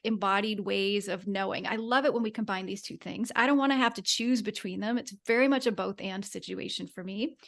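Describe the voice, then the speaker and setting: A woman's voice: mid-range voice, fairly bright tone. A woman hosting a podcast, chatting casually and eagerly, gushing over her guest with plenty of fillers. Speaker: podcast host. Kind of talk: enthusiastic interview chat.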